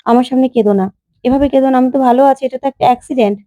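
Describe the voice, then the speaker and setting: A woman's voice: high-pitched, fairly even intonation, very fast, dark tone, no room sound, lightly acted. A woman voicing a confused young husband recovering in hospital, speaking in a bewildered, pleading way.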